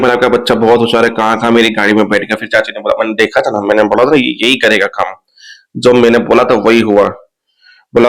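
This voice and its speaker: A man's voice: mid-range voice, poor audio. A man casually retelling a TV serial episode, quoting each character's lines in his own voice. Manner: retells scenes, quoting characters after "bola". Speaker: episode recap narrator.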